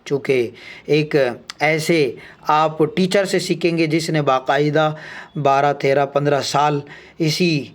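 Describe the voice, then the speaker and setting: Man, young adult, alphabet teacher, measured letter-by-letter recitation, slightly high voice. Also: steady tone. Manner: slow, deliberate letter-by-letter recitation with explanations. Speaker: Urdu teacher. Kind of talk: alphabet lesson.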